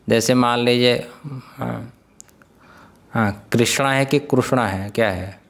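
Hindi-speaking male teacher quizzing his class. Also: mid-range voice. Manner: questioning, quizzes the listeners often; chuckles often, drills pronunciation slowly. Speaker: Vedanta teacher. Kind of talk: scripture class lecture.

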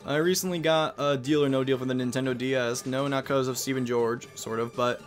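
A man's voice: mid-range voice, fairly even intonation, a little fast. Casual young man over faint game music. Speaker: game commentator. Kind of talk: casual rambling let's play commentary. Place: voice-over recorded over game audio.

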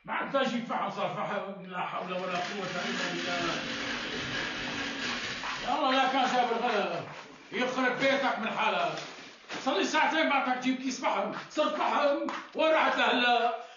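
Male actor as irritable Damascene strongman, high voice, exasperated scolding, TV period drama, dull recording with faint noise. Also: fairly even intonation, fairly quick, hardly any pauses, far from the mic, close to an everyday voice. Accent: Damascene Syrian. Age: middle-aged. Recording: muffled, echoey room, faint noise.

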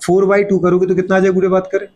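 High-voiced man teaching chemistry, teasing. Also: completely flat delivery, warm tone, highs cut off. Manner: playful scolding, voices students' replies; fast repeated catchphrases and rhetorical questions. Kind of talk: classroom lecture.

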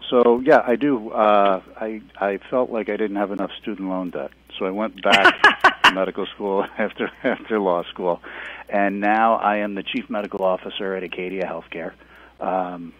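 A middle-aged man, a physician guest on a radio interview, speaking in a measured, hesitant way with many fillers. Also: low-pitched, slight background noise. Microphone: phone line. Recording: tinny phone line on radio.

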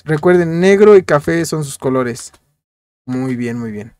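High-voiced man narrating his gameplay. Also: expressive, darkish tone, smooth, no room sound. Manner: chatty, jokey, talks to viewers while playing; repeats words in quick bursts. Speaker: gameplay youtuber. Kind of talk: casual game commentary.

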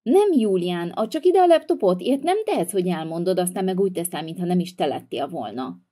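A bossy older sister, voiced by a woman in a toy-figure video, nagging and reproachful. The voice is mellow and bounces widely in pitch. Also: sing-song.

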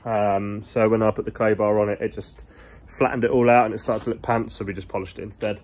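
Walking through a big indoor garage workshop with his phone at arm's length, a car vlogger in his twenties rambles on in a chatty, slangy way. He speaks quickly in a fairly low, slightly mellow voice that keeps a level tone.

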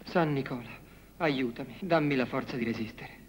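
A man's voice: medium pitch, normal speed, lightly acted, low-quality recording. An actor playing an earnest, flustered male Latin tutor with a formal manner in a film comedy. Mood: stern, formal.

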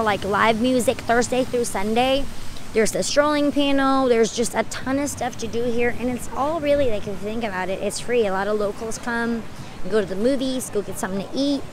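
A young woman with a slightly high voice, chatting casually to her live-stream viewers. She is worn out and losing her voice, and she rambles from one topic to the next as she thanks people by name. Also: fairly quick, slight background noise.

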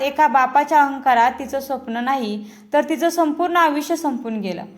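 High-voiced woman narrating true crime. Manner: addresses viewers directly, solemn storytelling.

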